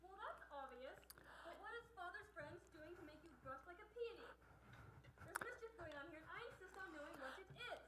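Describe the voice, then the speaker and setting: A woman's voice: very high-pitched, lively intonation, brisk. A woman playing a haughty, scolding, rich old aunt in an amateur period drama, bossy and imperious. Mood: suspicious, prying. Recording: clear background noise with hum.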